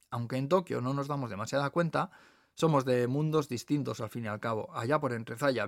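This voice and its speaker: Reading his own memoir for an audiobook, a man from Spain's Basque Country tells his story warmly, dropping in wry asides. He has a Peninsular Spanish accent and a mid-range voice, captured in a clean studio with no echo.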